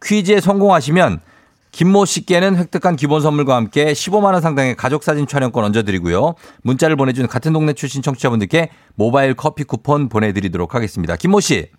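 A man's voice: on the high side, lively intonation, fast, dry recording, clean studio sound. A man hosting a radio quiz as a game show host, announcing theatrically with suspenseful repeats and dropping into casual chat.

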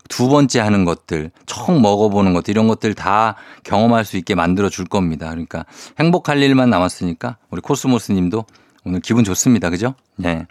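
A man hosting a morning radio show from a dry, close studio mic. His voice sits on the low side. He reads listener messages and chats back with quick asides. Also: a little mellow, no room sound. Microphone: studio microphone.

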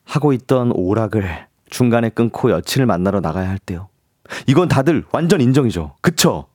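A man's voice: lowish voice, expressive, fairly quick, a little mellow. A man co-hosting a casual radio show who reads listener messages aloud and chats easily. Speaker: voice actor co-host.

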